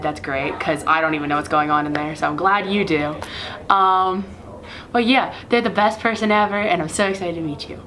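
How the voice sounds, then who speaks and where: Bubbly young sorority woman, lower-pitched. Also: fairly bright tone, a little hiss or hum, rough recording. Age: young adult. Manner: bubbly, gushing sorority-girl chatter. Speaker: new sorority member. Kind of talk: casual testimonial to camera.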